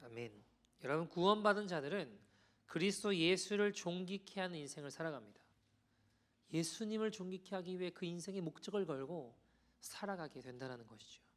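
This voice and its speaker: A man preaching a sermon as pastor, conversational and animated as he tells a story to the congregation. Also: high voice, fairly quick. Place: church sanctuary.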